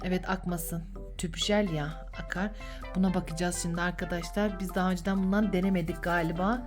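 A woman's voice: lowish voice, fairly even intonation, fairly quick, over music. A woman hosting a children's vlog as a mother, chatting playfully and coaxing with sing-song questions. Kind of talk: playful casual chat with a child and viewers.

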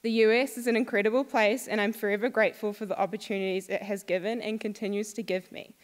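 Young New Zealand woman, former student, upbeat speaker, mid pitch, reverberant hall. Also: fairly even intonation, fast. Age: young adult. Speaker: alumna speaker. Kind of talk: prepared talk to an audience. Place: school hall.

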